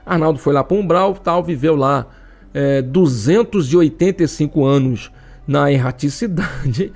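A man's voice: fairly high pitch, measured pace, vocal fry, darkish tone. A man with a Brazilian accent hosting a talk show, chatty and joking as he speaks to listeners. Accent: Brazilian Portuguese. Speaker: radio and web show host. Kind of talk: casual talk show monologue.

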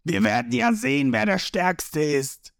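A man voicing a boastful, hot-tempered male pirate boss who shouts and mocks, in a read-aloud manga story. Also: high voice, animated, measured pace, creaky, no room sound, clean studio sound, pitched above the performer's own voice, exaggerated voice. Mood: blustering. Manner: blustering, shouting, mocking.

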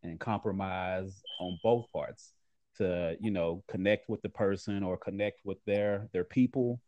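A man giving measured, earnest interview answers in fairly formal wording as a magazine editor. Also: sits low, fairly even intonation, dark tone, dry recording, lo-fi sound.

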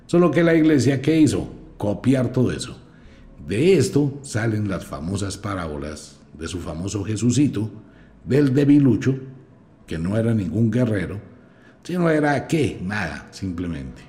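Low, animated man mocking. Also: normal speed. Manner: mocking, blunt, lively storyteller. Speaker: podcast host. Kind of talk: scornful commentary with Bible reading.

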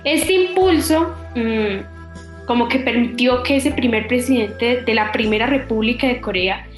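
A woman from Colombia co-hosting a podcast in a lively, casual way. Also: on the high side, a little slow, roomy sound, faint music behind. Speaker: podcast co-host. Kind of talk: semi-scripted podcast chat.

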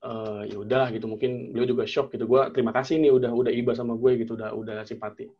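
Young man telling a lively story. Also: mid-range voice, fast talker, husky, muffled recording. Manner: animated, acts out quoted dialogue, lots of slang and fillers. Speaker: guest telling a personal story. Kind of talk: casual storytelling chat.

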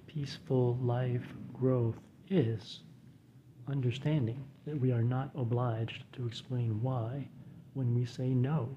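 A man reading reflections and a recipe aloud in a soft, often whispered voice, with dry deadpan asides. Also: mid-range voice, muffled recording, a little hiss or hum.

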